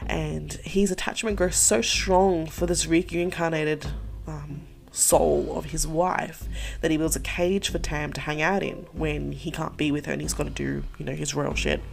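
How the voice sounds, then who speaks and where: A woman's voice: low voice, fairly even intonation, a little slow, creaky, slight background noise. A woman podcast host retelling a folktale in a chatty, profane way, full of "like" and side remarks. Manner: profane, chatty, many likes and asides. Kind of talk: casual storytelling.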